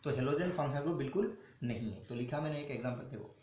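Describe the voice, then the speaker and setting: Echoey teacher repeating questions himself. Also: male voice, mid-range voice, a little mellow. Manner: repeats questions and answers them himself, calls students "beta"; slows down to spell out formulas. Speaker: chemistry teacher. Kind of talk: classroom-style teaching. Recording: echoey room with faint noise.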